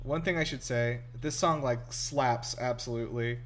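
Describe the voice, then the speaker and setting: A man hosts a casual movie reaction show, chatty, informal and enthusiastic, with film music playing in the background. His mid-range voice is a bit bright at a normal speed, and there's slight background noise.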